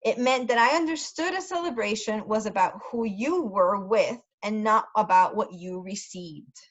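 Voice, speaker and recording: A woman reads a story aloud at a slow, learner-friendly pace for English students, repeating key words and offering quick Spanish translations as a tutor. Her mid-range voice moves at normal speed, and the highs are cut off in the audio.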